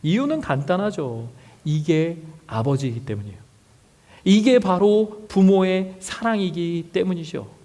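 A man's voice: sits high, animated, a little slow, dark tone. A male pastor preaching a sermon, telling the story and asking the congregation many rhetorical questions. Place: church sanctuary. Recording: long reverb of a church hall.

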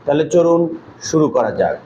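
A man teaching English pronunciation, explaining each rule in a slow, methodical classroom style and spelling words out letter by letter. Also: on the high side, big pitch swings, dark tone, lo-fi sound. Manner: spells out letters one by one, repeats rules. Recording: echoey room with faint background noise.

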